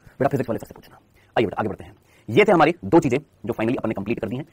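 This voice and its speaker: Rapid, animated man teaching a class. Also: mid-range voice, slightly rough, no room sound. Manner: asks questions and answers them himself; fast, repetitive, coaching tone. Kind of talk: classroom lecture.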